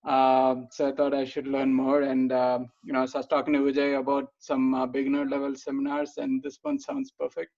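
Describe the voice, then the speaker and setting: A man heard through a conference call, his voice somewhat muffled and lo-fi. He speaks in a relaxed way, full of fillers. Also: medium pitch, a little fast, few pauses. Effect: conference call audio. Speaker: seminar attendee. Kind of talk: casual self-introduction. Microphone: computer mic on an online call. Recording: dull lo-fi call audio.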